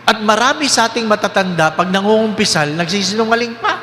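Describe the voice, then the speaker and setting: A male priest preaching a sermon, lively and joking, often quizzing the congregation. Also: sits high, fast talker, noisy background. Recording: echoey hall with faint ambience.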